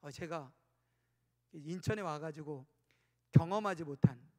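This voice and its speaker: A man in his forties preaching a sermon as pastor, telling stories animatedly, jumping from shouts to whispers. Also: a little high, measured pace. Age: 40s. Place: church sanctuary. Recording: long church hall reverb.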